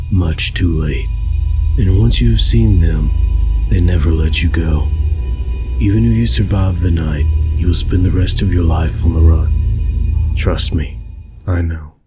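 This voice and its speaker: A man narrating a scary first-person story as a hunted survivor, in a haunting, grave and measured way. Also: low-pitched. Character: haunted, fearful survivor hunted by unseen beings.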